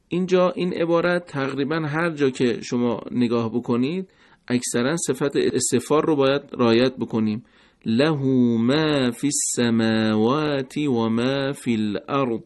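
Male teacher, mid pitch, patient lesson delivery with slowed word demonstrations. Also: darkish tone. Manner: slow, deliberate, repeats words to demonstrate sounds. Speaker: recitation teacher. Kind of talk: pronunciation lesson.

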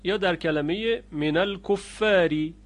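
A male recitation teacher with a somewhat high voice gives a lesson in plain explanatory speech. He speaks directly to his learners. He often breaks into slow, loud, chanted readings of the words he is teaching. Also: expressive, no room sound. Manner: explains rules, then chants the example words slowly and loudly. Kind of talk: recorded lesson on Quranic readings.

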